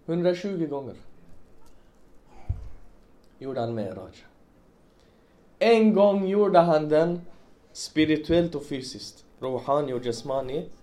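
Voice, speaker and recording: A man's voice: a little high, lively intonation, mellow. A man giving a religious talk to a congregation, telling stories and putting questions to his listeners. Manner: storytelling with rhetorical questions to listeners. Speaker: preacher.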